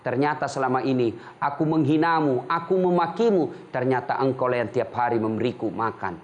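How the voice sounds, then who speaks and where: A man preaching on a TV show, lively and joking, telling humorous stories and often laughing as he speaks. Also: medium pitch, fairly quick, lo-fi sound.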